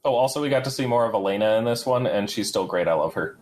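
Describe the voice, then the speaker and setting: A man's voice: on the low side, expressive, fast, a little mellow, a little hiss or hum. Casual man co-hosting a gaming discussion. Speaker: podcast co-host. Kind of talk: casual group discussion of a video game.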